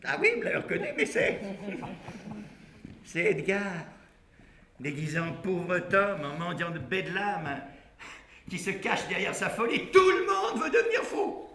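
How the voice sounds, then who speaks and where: A cheeky court jester, played by a man, laughing through his lines in a high voice that leaps all over the place. His talk is playful and sing-song, like nursery rhymes. The sound is an echoing stage. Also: sing-song, a little slow, pauses often, pushed and bright, full character voice. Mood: mischievous. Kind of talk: stage storytelling performance. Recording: echoey stage recording.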